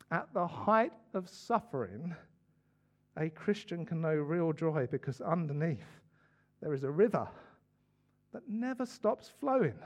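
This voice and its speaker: A man's voice: on the high side, a little mellow. A man preaching a sermon in an earnest, conversational way, with small asides to the congregation.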